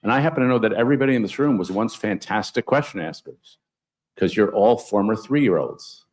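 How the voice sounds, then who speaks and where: A man speaking on a conference panel, telling anecdotes with sudden upward jumps in pitch for emphasis. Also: lively intonation, brisk, a little mellow. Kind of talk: panel discussion storytelling.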